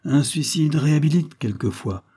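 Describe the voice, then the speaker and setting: A man's voice: a little high, animated, normal speed, warm tone, husky, voice pushed up. A man voicing a cold, stern old magistrate. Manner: grave, formal. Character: stern older male magistrate, cold and formal.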